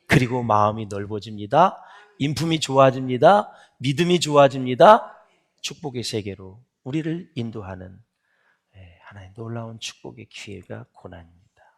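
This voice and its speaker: In a church sanctuary, a Korean pastor delivers a sermon in a medium-pitched male voice. He swings between loud exclamations and soft, near-whispered asides, posing questions to the congregation and answering them himself.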